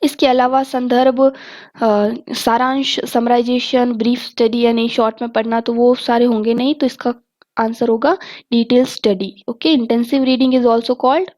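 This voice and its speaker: A woman teacher with a Hindi accent reads exam questions and options aloud, then explains each answer. Her voice sits high, and she keeps dropping "okay" and "theek hai" between points. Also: little pitch movement, unhurried, a little mellow. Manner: often says "ठीक है" and "okay" as fillers. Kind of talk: exam prep lesson, reading out multiple-choice questions.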